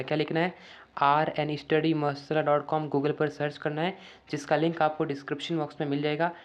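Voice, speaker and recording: A man walking students through an exam paper, asking rhetorical questions and reading English sentences out slowly. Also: on the high side, muffled recording. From Rajasthan, India. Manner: keeps asking the class rhetorical questions, calls them friends. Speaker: teacher. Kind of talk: exam paper walkthrough lesson.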